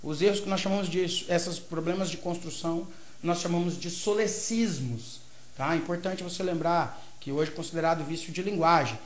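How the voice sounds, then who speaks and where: A man's voice: a little high, normal speed. A man from Brazil with a Brazilian Portuguese accent, a teacher giving a grammar lecture who explains step by step and keeps checking in with short tag questions. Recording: roomy echo.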